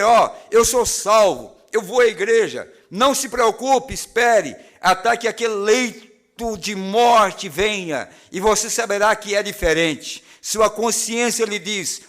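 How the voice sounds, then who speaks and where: A Brazilian pastor preaches in a church tabernacle, his voice sitting a little high for a man. He swings from forceful, carrying lines to hushed, low murmurs as he retells inner thoughts. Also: measured pace. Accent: Brazilian Portuguese. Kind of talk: sermon.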